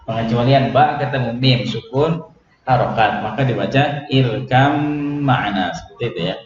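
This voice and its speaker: A man teaching Quran recitation rules to a class, explaining slowly and asking the students questions. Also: mid-range voice, a crowd in the background. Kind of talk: classroom tajwid lesson. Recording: echoey room, dull, noisy.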